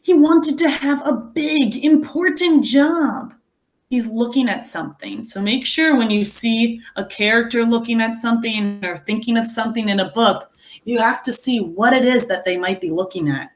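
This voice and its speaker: In a slightly high voice, a woman teacher reads a picture book aloud with expression, pausing to explain and think aloud for young children.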